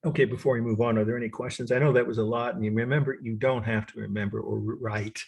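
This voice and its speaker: A man giving a college art history lecture, explaining patiently and slowly spelling out words for his students. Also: mid-range voice, fairly even intonation, gravelly, a little mellow, breathy edge.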